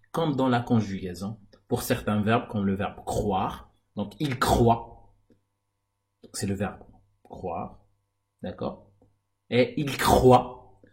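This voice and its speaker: Male teacher on a recorded lesson: low voice, very unhurried, repeats each point carefully. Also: dark tone. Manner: slow, deliberate, repeats words for the viewer.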